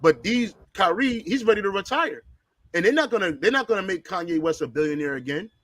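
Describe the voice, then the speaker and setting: A man's voice: high voice, animated, a little fast, a bit bright. A man speaking with preachy conviction in a religious discussion, often repeating words as he starts phrases.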